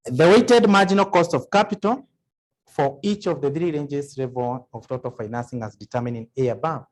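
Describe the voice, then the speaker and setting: A man's voice: medium pitch, normal speed. A man giving an accounting revision lecture, working through sums aloud and putting questions to the class. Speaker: accounting tutor.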